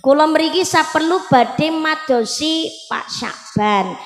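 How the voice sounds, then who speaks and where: A woman voicing a polite, grieving young wife with a Javanese accent, speaking softly and deferentially. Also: high-pitched, slow. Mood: pleading. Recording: echoey hall with faint music.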